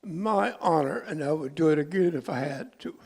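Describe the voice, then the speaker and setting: An older man from California, a veteran being interviewed, who speaks haltingly and searches for his words. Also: fairly high pitch, lively intonation, vocal fry, a little mellow, slightly rough. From California, USA. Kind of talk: personal interview.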